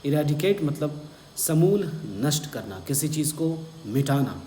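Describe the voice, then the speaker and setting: A man with an Indian accent teaching an exam-prep vocabulary lesson, slowly spelling out words and repeating them. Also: fairly high pitch, lively intonation, mellow. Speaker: English teacher. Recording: echoey room with faint hum.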